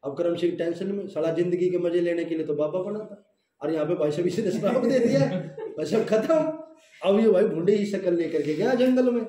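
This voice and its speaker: A man's voice: high-pitched, brisk, dark tone. Man, business trainer, storytelling lecture, conversational, earthy humor, echoey hall. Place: seminar hall with audience.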